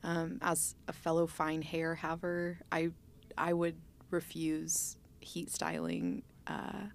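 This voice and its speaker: Low gravelly-voiced woman co-host. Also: slow pace, slight background noise. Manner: relaxed, musing, with many fillers. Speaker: podcast co-host. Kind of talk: casual chat.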